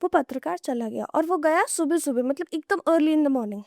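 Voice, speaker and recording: Animated and a little mellow, with some vocal fry, a young woman tells horror stories on a podcast in a high voice at normal speed. She's a casual guest storyteller who pulls listeners into what-ifs, and the clean studio audio has no room sound.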